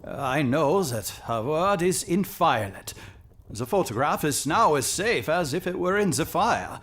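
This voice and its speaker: A man's voice: on the high side, very animated, a little slow, a bit bright. A man playing a haughty, lovelorn king in an audio drama, with a pompous, formal and exclamatory manner. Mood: relieved, magnanimous. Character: haughty, theatrical, lovelorn male European king.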